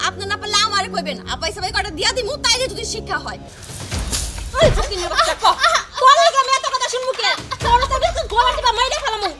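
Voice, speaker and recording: A woman's voice: expressive, fast. A woman playing a harsh, bitter village stepmother who scolds and threatens. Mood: scolding. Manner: shrill scolding, threatening, mocking. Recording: music playing under the voice.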